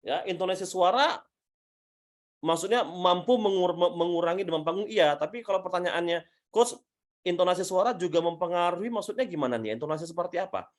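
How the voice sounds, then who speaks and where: A man coaching public speaking, answering audience questions in an energetic, emphatic way, often restarting sentences and building points step by step. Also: sits high, brisk. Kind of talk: Q&A teaching session.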